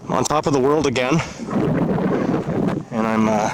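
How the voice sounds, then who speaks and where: A man vlogging while climbing a steep hill outdoors, short of breath, talking in halting bits with pauses as he thinks aloud. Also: mid-range voice. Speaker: vlogger exploring ruins. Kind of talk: hiking vlog narration. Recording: outdoor wind and ambient noise.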